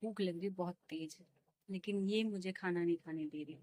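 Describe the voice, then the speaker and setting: A woman talking about her day as a mother in a casual home vlog, speaking quietly and rushing through it so her baby stays asleep. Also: lowish voice, no echo, low-quality recording. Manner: quick, tired chatter, soft to keep baby asleep. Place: small bedroom at home.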